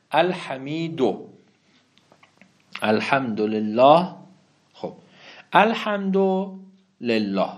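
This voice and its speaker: Lively man teaching grammar with questions. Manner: explains step by step with many questions to the listener; lively, swinging pitch. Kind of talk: Arabic grammar lesson.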